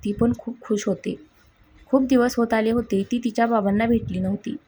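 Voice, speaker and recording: A woman narrating a family drama story in a plain, steady storytelling manner, with a husky voice. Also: on the high side, normal speed, a little hiss or hum, poor audio. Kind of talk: scripted narration.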